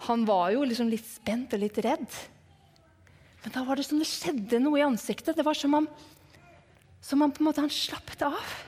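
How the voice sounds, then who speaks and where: A woman telling a Bible story to children as if she had seen it, lively and dramatic, dropping to hushed whispers for suspense. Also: sits high, pauses often. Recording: long hall reverb.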